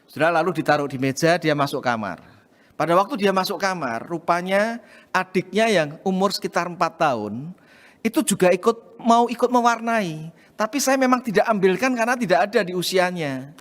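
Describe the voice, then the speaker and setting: A man's voice: high-pitched, animated, normal speed, fairly bright tone. A man pastor telling a family story in a sermon, addressing the congregation directly and acting out the quoted lines. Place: church hall. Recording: reverberant church hall.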